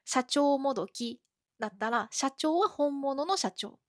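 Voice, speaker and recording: Woman, language teacher, podcast lesson, slow careful delivery, fairly high voice, dry close sound. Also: animated, no room sound. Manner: slow, deliberate explaining with examples. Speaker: Japanese teacher.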